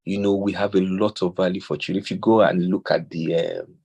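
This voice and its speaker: Husky Nigerian man telling stories. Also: low voice, a little fast. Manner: animated storyteller acting out quoted dialogue. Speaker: speaker on parenting. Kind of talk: storytelling talk with scripture.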